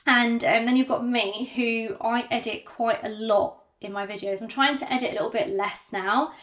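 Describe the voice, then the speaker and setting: A woman vlogging to camera without a script, hesitant and self-conscious, with many ums and pauses, and slightly out of breath. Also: a little high, fairly even intonation, fairly bright tone. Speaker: YouTuber. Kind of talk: unscripted talk to camera.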